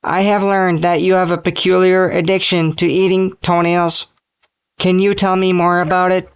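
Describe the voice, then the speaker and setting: A synthetic robot voice playing a formal alien researcher who asks polite, slow questions about human habits. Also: medium pitch, little pitch movement, clean tone, highs cut off. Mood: formal curious.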